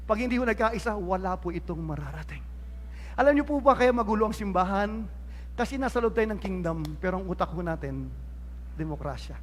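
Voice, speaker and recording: Filipino male pastor, very high voice, sermon delivery with English mixed in and repeated "no?" checks, long church-hall reverb. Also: fairly bright tone. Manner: mixes English phrases, often says "no?" and "mga minamahal ko".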